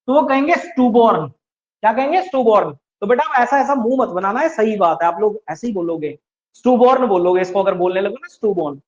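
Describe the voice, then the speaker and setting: Male online tutor, high-pitched, drills words by call and response, muffled recording. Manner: drills students with repeated questions and answers; mixes English words into Hindi explanations. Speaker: English vocabulary teacher. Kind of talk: online exam-prep class.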